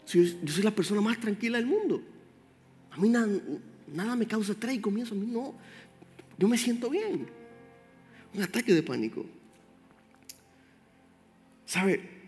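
A man's voice: high voice, moderate pace, long pauses, darkish tone. A man preaching a sermon, speaking directly and with animation to his congregation. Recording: roomy hall with faint music.

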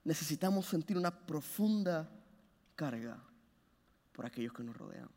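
Pastor, male, high voice, impassioned sermon delivery with sudden hushed drops; long hall reverb. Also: expressive, normal speed. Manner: impassioned, swings from loud urging to hushed low phrases.

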